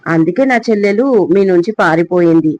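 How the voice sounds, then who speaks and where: A man voicing a quick-tempered, sharp-tongued young woman in a storybook reading. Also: high-pitched, no echo, highs cut off, natural voice. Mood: defiant.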